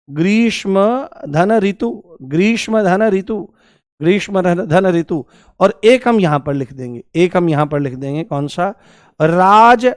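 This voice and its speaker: A young man leads a grammar lesson in a high, clear voice, firing rhetorical questions at his class and stretching each answer out in a sing-song way. The sound is dry and close. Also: no echo. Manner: repeats key answers in a drawn-out, sing-song way. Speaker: Hindi grammar teacher. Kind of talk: classroom lecture.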